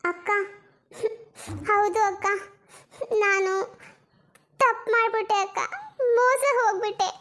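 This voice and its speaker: A woman's voice: very high voice, fairly even intonation, normal speed. A woman voicing a deceived, pregnant young woman who stammers and pleads with her elder sister. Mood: confessing.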